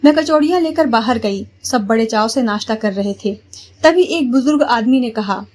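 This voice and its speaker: A woman tells a first-person family story in a steady, plain way. Her voice sits high. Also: moderate pace, slight background noise.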